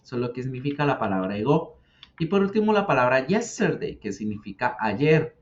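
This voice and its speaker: Male teacher walking a learner through pronunciation, patient and slow in his repeats, muffled lo-fi recording. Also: mid-range voice, sing-song. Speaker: English teacher. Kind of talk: explaining English grammar and pronunciation. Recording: dull lo-fi sound.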